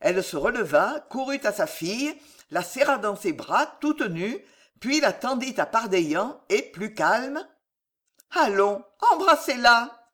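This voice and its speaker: Slow, measured audiobook narrator. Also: medium pitch, sing-song, fairly bright tone. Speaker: audiobook reader. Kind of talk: scripted narration of a novel.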